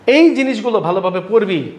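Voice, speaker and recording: A man's voice: high voice, expressive, brisk, a little mellow, reverberant. A male English grammar teacher from Bangladesh, teaching a class in casual speech and teasing and scolding his students.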